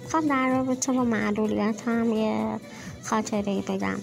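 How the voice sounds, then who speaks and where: A woman telling a personal anecdote in a hesitant way, with pauses and fillers. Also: a little high, fairly even intonation, creaky, music in the background, poor audio.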